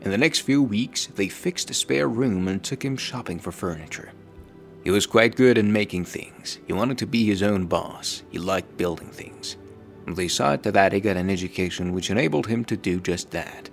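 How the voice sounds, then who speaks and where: Male narrator with a low voice for a scripted story, steady and measured, soft music underneath. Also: gravelly.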